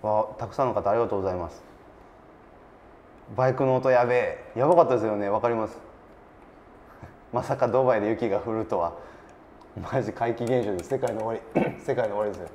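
A man hosting a casual game stream, animated and laughing often, reading out viewer comments. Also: lowish voice, fast talker, pauses often, slight background noise. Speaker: stream host.

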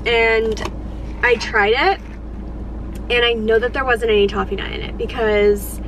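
A woman in her twenties chatting casually in a vlog, excitable and full of "like". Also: fairly high pitch, a little hiss or hum, low-quality recording. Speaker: lifestyle vlogger.

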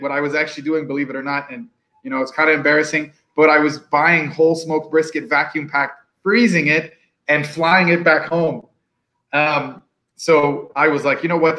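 A man with a somewhat high voice chats as a guest pitmaster over a video call. He tells his story in a relaxed way and slips into the voices of the people he quotes. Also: low-quality recording. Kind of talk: casual video-call chat. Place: room with bookshelves. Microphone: video call from home.

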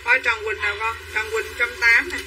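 High, piercing saleswoman on a livestream. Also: fairly even intonation, moderate pace, sharp tone, distant mic, low-quality recording. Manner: chatty, repetitive hard-sell patter, addressing buyers by name. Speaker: online clothing seller. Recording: voice a bit off-mic with faint room noise.

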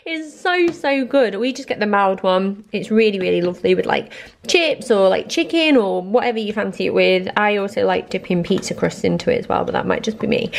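A woman's voice: medium pitch, gravelly, slight background noise. A young woman chatting through her grocery haul in a home kitchen, rambling and laughing at herself. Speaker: vlogger.

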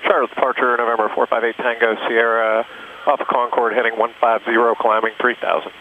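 A man's voice: mid-range voice, level tone, fairly quick. Male pilot, cockpit headset radio, clipped readbacks, tinny narrow sound, faint hiss. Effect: pilot talking over a cockpit headset radio. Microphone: headset boom mic. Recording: narrow phone-like radio audio with faint noise.

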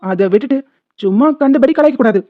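Woman doing a smug gloating male principal, high voice, mocking, tinny phone sound. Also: brisk, no echo, natural voice. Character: smug teasing male college principal, petty and playful.

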